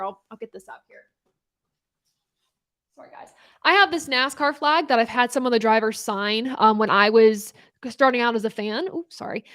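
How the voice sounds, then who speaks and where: Answering viewers' questions on her live racing talk show, a young woman talks in a cheerful, chatty style, laughing a lot and often restarting or filling pauses. The recording of her fairly high, slightly bright voice is dry and close.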